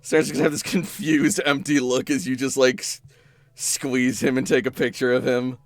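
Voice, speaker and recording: A man narrating as game master of a tabletop role-play, playful and animated. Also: mid-range voice, moderate pace.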